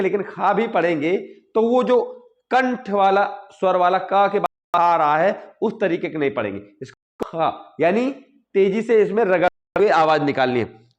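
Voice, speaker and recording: A male teacher talks through a lesson in a high voice that swings up and down a lot. He is patient and methodical, sounding out syllables one at a time. He checks in with his students after nearly every point. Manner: explains patiently, checks in with "ठीक है" often, sounds out syllables slowly. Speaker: Hindi grammar teacher. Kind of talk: classroom-style explanation.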